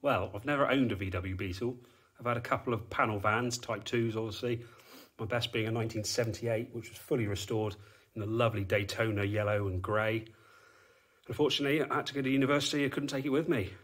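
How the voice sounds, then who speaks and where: An English car restorer in his forties, who hosts a channel, films a walkaround of an old car in an indoor garage workshop. He gives matter-of-fact commentary with dry, understated remarks, speaking fast in a lowish, fairly bright voice.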